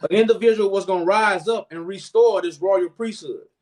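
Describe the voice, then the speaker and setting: A man's voice: high-pitched, moderate pace. A man hosting a live chat, preaching and explaining at length, calling the listener "brother man". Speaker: host.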